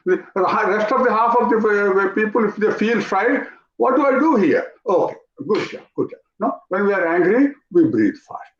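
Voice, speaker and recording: A man with an Indian English accent, teaching an online yoga class, talking in an animated way, repeating phrases and asking his students questions. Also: sits high, moderate pace, slight background noise. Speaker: yoga instructor. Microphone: video call. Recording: roomy, dull lo-fi video call audio.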